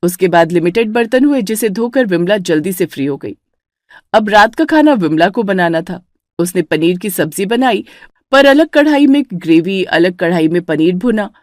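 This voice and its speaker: A woman narrating a cartoon story in an even storytelling manner. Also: mid-range voice, moderate pace, dry recording, clean studio sound.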